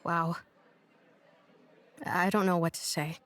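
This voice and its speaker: [name], a blunt, sarcastic young woman grieving her sister, speaks in this audio drama with a lowish, fairly bright voice. Her delivery is slow and flat, dry and teasing yet direct, and her mood is earnest.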